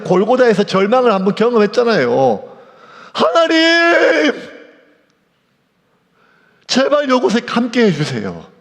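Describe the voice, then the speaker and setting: A man preaching a sermon, his high voice gravelly and swinging widely in pitch. He pours emotion into the words and sometimes sinks to a hushed near-whisper. The church hall lets his voice ring out in a long reverb. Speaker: pastor. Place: church sanctuary.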